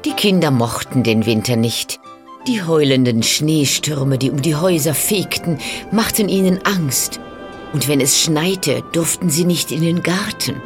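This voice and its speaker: A woman narrating a fairy tale in a slow, dramatic storytelling manner that speaks to the listener. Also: low voice, animated. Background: faint music.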